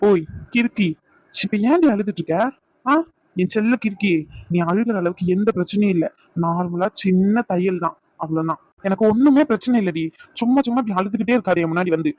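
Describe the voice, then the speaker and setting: A man's voice: high-pitched, dry recording, dull audio. A man voicing an injured young man in a cartoon who teases his tearful girlfriend with mock threats. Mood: teasing. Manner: teasing, mock threats, rapid speech. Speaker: voice actor. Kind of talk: cartoon dub acting.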